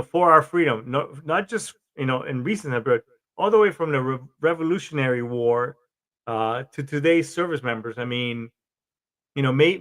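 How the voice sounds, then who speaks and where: A man's voice: mid-range voice, a bit bright. A man from Colombia, a Marine veteran, hosting a podcast in a rambling, casual monologue with frequent restarts and swearing.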